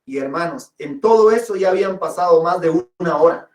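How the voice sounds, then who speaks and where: A man's voice: a little high, animated, fairly quick, darkish tone, muffled recording. A pastor preaching a sermon, telling a personal testimony with dramatic storytelling and calling his listeners brothers and sisters. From Guatemala. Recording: echoey, from a distance.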